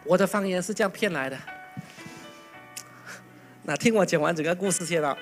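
A pastor giving a lively sermon full of acted stories, breaking into loud bursts. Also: medium pitch, fairly quick, soft background music. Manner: animated, loud bursts, mimics chanting.

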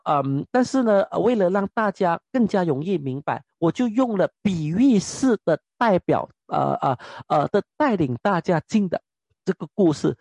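A young male preacher delivers a personal testimony sermon with a noticeably high voice. He is animated, often turning to his listeners with rhetorical questions. The sound is dry and close, with no room echo. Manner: animated, keeps asking the audience rhetorical questions.

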